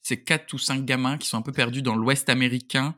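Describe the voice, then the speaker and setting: A man with a medium-pitched voice talks as a podcast guest. His style is a casual bookish chat, informal and slangy, with a joking touch. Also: fairly even intonation, a little fast, pushed and bright. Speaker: podcast guest, book YouTuber.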